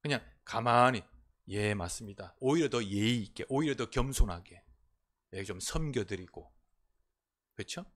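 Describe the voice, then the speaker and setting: A Korean man preaching a sermon as a pastor in a church, swinging between emphatic proclamations and quiet, intimate asides. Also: medium pitch, lively intonation, moderate pace, pauses often. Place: church sanctuary.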